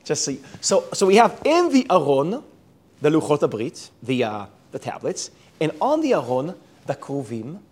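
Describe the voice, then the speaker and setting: A man's voice: on the high side, big pitch swings, moderate pace, darkish tone. An Israeli man with an American-sounding accent, lecturing on a Bible book, often restarting words and mixing in Hebrew terms. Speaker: Bible teacher.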